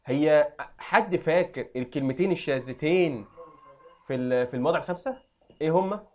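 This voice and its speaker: A young adult man with an Egyptian accent, teaching an Arabic grammar lesson and quizzing students with quick questions. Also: a little high, a little mellow. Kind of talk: classroom lesson.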